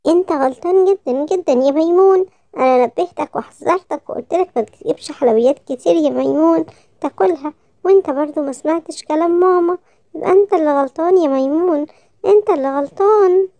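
A woman's voice: extremely high pitch, quick pace, mellow, dry recording, muffled recording. A woman voicing a caring but stern mother monkey with an Egyptian Arabic accent, scolding her son. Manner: scolding, firm.

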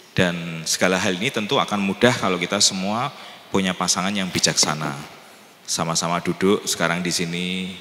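Bright-voiced chatty man in a reverberant hall. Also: deep voice. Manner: chatty, mimics voices, asks the audience. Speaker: church event moderator. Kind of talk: casual church seminar talk. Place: church hall. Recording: long hall reverb with faint music.

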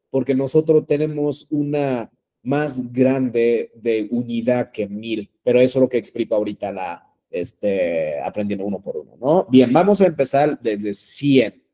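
A man's voice: medium pitch, a little slow, dark tone. A man teaching a language class, patient and repetitive, with many fillers and check-ins. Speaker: Japanese teacher.

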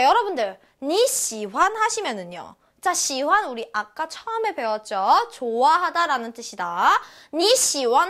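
A woman's voice: high voice, fairly bright tone. A young woman teaching a Chinese lesson in a bubbly, playful way, acting out short dialogue snippets. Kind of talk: lively online language lesson.

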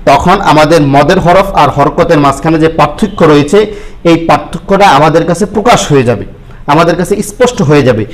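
Male Quran teacher, slightly high voice; patient lesson delivery, drills syllables slowly and repeats them. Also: lively intonation, rough recording. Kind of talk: step-by-step lesson with spoken examples.

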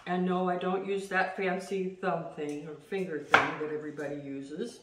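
A woman's voice: on the low side, fairly even intonation, normal speed. Chatty woman cooking in an echoey kitchen. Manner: chatty, self-deprecating, laughs easily. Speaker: home cooking host. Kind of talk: casual cooking demo. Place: home kitchen, indoors. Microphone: far camera. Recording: roomy, distant, noisy.

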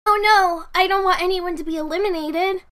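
A woman voicing a naive, childlike cartoon object contestant with a squeaky voice. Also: steady tone, brisk, fairly bright tone. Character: high-pitched bratty childlike object contestant.

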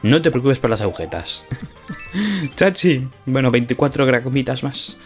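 A man's voice: mid-range voice, lively intonation, moderate pace, faint music behind. A man with a Spain Spanish accent hosting a casual gameplay video, chatty and playful, laughing often as he talks. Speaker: gaming let's-play host.

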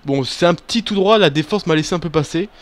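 A man giving casual, excitable commentary over a football video game, swearing and cheering at his players. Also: fairly high pitch, fast talker. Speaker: gaming YouTuber. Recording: faint background music.

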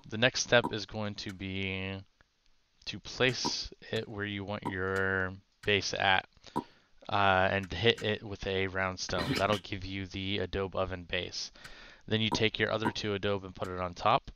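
A man casually narrating a game tutorial, explaining step by step with filler uhs and quick self-corrections. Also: fairly low pitch, bright, forceful tone, clean tone, muffled recording.

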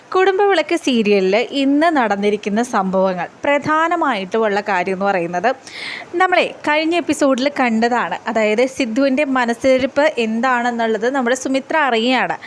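Female voice-over host, chatty, loose and filler-heavy, slightly high pitch; casual episode recap. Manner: chatty, frequent tag words and fillers. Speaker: narrator.

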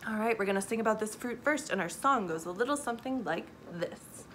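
A woman's voice: on the high side, brisk, slight background noise. A woman, a children's librarian, reading a picture book aloud at storytime with gasps and questions for the kids. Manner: animated, gasping, asking children questions.

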